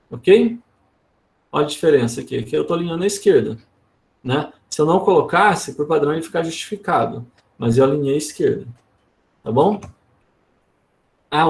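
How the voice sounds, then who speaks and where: A man's voice: fairly high pitch, creaky, darkish tone. A man giving an online workshop lesson in Brazilian Portuguese, explaining casually and often checking in with tag questions. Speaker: instructor.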